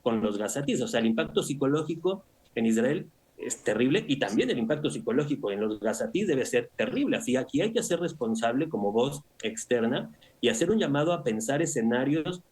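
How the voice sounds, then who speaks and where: Man, husky voice, middle pitch, news interview analyst, measured and analytical. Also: expressive, darkish tone. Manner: measured, analytical, with frequent "o sea" and "¿no?". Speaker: analyst guest.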